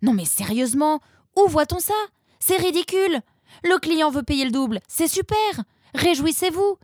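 A sharp-tongued young vixen scolds at a high, forceful pitch, as a woman narrator puts her on. She rants in exasperated bursts, all indignation. The storybook reading is dry and close. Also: sing-song, drawn-out words, dry recording, heavily acted. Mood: furious.

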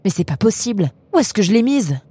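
A woman's voice: low-pitched, expressive, normal speed, warm tone, husky, dry recording, heavily acted. A woman voicing a prickly, proud young woman traveler in a storybook reading, speaking in a snappish, impatient way.

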